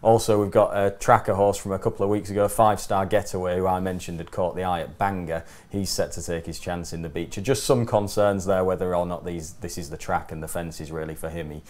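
A man analysing horse races as a pundit, in a measured way that weighs things up. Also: low voice, steady tone, darkish tone. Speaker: racing pundit. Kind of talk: analytical chat.

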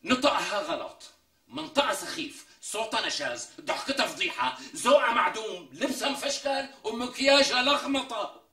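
Brief: fast, lively comic braggart, high bright voice, roomy set sound. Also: male voice, heavily acted. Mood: mocking. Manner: theatrical, exaggerated, drawn-out emphasis. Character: boastful man mocking a woman, melodramatic. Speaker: comic sketch character. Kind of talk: TV sketch comedy acting.

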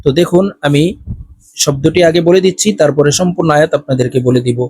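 Spelling out every letter and vowel, a male Quran teacher then recites the words in a slow, drawn-out chant, punctuated by quick explanations. His voice is a little high, a little mellow, and husky, with no echo in the recording.

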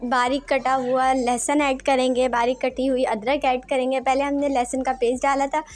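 A woman with a high, light voice talks through a recipe step by step. Her tone is calm and plainly instructional, like a cooking channel voice-over. Faint music plays softly underneath. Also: normal speed.

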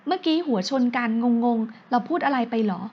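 A woman's voice: a little high, expressive, brisk, dull audio. A woman voicing a teasing young man, sly and playful. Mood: feigning innocence. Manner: teasing, feigns innocence, turns sugary-sweet.

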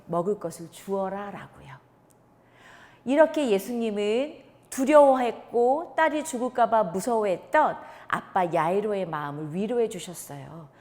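A woman preacher telling a Bible story to young children in an animated, sing-song way and acting out the characters' lines. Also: mid-range voice, long reverb tail. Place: church.

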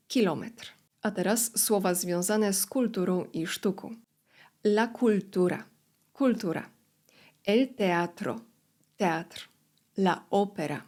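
A woman hosting a language lesson, reading vocabulary in unhurried pairs. She speaks slowly and deliberately, with a middle pitch and careful, distinct pronunciation. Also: a little mellow. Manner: slow, deliberate word-by-word pronunciation drills. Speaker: Spanish teacher.

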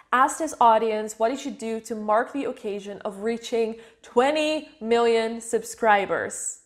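A woman, a guest creator, reading a script aloud in a measured way. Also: fairly high pitch. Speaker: guest youtuber.

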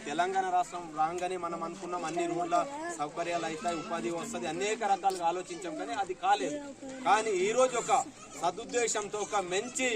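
A man with a Telangana Telugu accent giving an outdoor political speech at a village gathering, thanking leaders and calling for votes. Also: high voice. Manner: rousing stump speech, thanks and appeals for votes. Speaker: political speaker.

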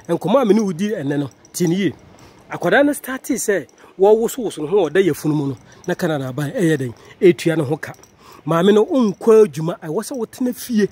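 Strolling outdoors through a housing complex, a channel host speaks into a handheld phone in a high, mellow voice with a breathy edge. He has a Ghanaian accent, his first language is Twi, and his walking vlog is casual and jokey, captured in a noisy outdoor recording.

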